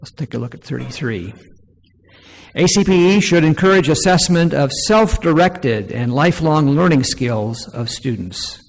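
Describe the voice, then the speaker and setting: A man presenting poll results to an audience, reading each item aloud more loudly and slowly. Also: fairly high pitch, lively intonation, gravelly. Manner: reads each item aloud louder and slower. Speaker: presenter leading a workshop poll. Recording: long hall reverb.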